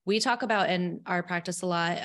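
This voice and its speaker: A woman's voice: on the low side, a little fast, fairly bright tone. A woman with a slight upstate New York accent, hosting a podcast and chatting about nutrition in an enthusiastic, agreeable way. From Albany, New York. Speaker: podcast host, nutrition practitioner. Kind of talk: conversational podcast interview.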